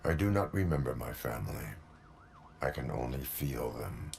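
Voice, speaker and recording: An actor playing a stoic male cyborg police officer in a video game, with a smooth, flat android voice and clipped, emotionless delivery. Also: rumbling low, normal speed, slight background noise, exaggerated voice.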